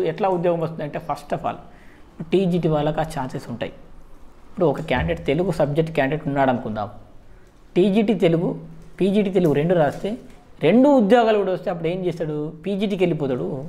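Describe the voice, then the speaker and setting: Man, Telangana Telugu accent, very quick pace, frequent English words mixed into Telugu, informal explainer. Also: high voice, darkish tone. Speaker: job-exam advice video host. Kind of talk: informal explanatory commentary to viewers.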